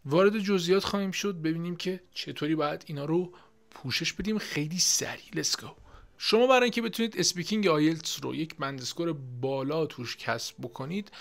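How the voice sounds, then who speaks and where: Gravelly young Iranian teacher. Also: male voice, a little high, a bit bright. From Iran. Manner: explanatory, with frequent filler pauses. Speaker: IELTS teacher. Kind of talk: casual online lesson.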